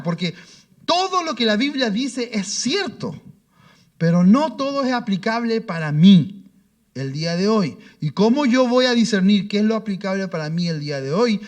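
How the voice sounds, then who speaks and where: High-voiced pastor preaching. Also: male voice. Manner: storytelling, acts out dialogue in voices. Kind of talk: sermon.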